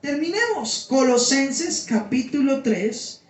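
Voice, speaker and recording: A man's voice: very high voice, lively intonation, slow pace. A man preaching a teaching sermon to his congregation, explaining terms and asking them questions. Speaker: pastor. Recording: roomy sound from a distance.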